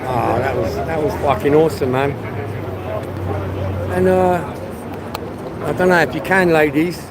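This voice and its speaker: A man's voice: fairly high pitch, fairly even intonation, measured pace. A man streaming live outdoors, chatting casually with viewers, swearing often and greeting them by name. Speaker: livestreamer. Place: outdoors on a busy city street. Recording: loud crowd noise from the street.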